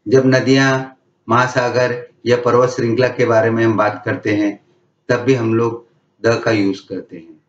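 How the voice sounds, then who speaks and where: A man teaching English grammar, reading each rule slowly and then explaining it in Hindi. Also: medium pitch, level tone, distant mic. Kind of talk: slow, deliberate grammar lesson. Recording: echoey room, dull lo-fi sound.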